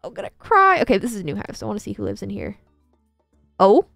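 A young woman streaming a farming game, excitable and gushing, chatting to her viewers. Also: medium pitch, quick pace, vocal fry, dry recording, faint music behind. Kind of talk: casual gaming commentary.

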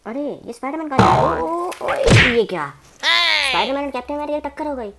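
A woman narrating a children's toy play video in an excited, exclamatory way. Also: high-pitched, quick pace, gravelly, very noisy.

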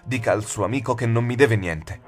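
A man's voice: mid-range voice, brisk, faint music behind, lightly acted. Man doing a frantic, pleading shopkeeper. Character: panicking middle-aged male shopkeeper, desperate and pleading. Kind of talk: audiobook character voice.

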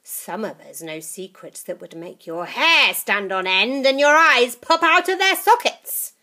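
A woman voicing a creepy, witchlike old grandmother in a storybook reading, with slow, relishing, menacing delivery. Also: a little high, lively intonation, pushed and bright, voice pushed up. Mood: sly, menacing.

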